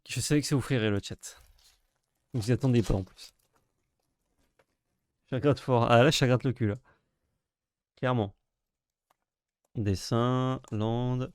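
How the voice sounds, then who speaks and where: A man streaming a card pack opening in casual commentary, sarcastic and self-mocking with crude jokes, now and then breaking into sudden excited yelps. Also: mid-range voice, dry recording, clean studio sound.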